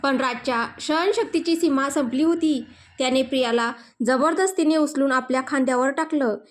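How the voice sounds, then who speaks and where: A woman reading a romantic story as narrator, steady and expressive. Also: high-pitched, moderate pace.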